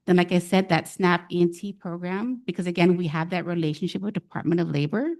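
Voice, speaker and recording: A woman on a public panel walks the audience through program rules step by step, taking care to be clear. Her voice sits a little low. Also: darkish tone. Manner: explanatory, careful, repeats "again".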